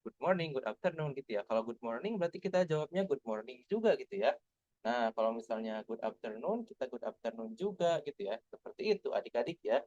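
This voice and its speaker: Young male tutor, patient and coaxing with small kids, lively pitch, dull lo-fi sound. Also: no echo. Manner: lively, patient, coaxing, spells out letters slowly. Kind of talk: online lesson reviewing test answers for young kids.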